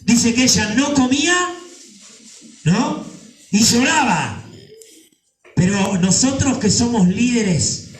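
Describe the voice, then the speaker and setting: A man preaching a sermon as pastor, fervent, with rhetorical questions and bursts of shouting. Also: very high-pitched, lively intonation, takes it slowly, pauses often, roomy sound, low-quality recording.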